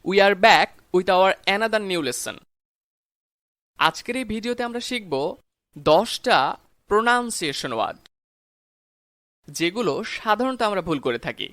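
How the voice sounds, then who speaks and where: An English teacher gives a pronunciation lesson, saying each example word slowly and carefully. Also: medium pitch, lively intonation, fairly bright tone, no echo. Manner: slow, carefully spelled-out example words.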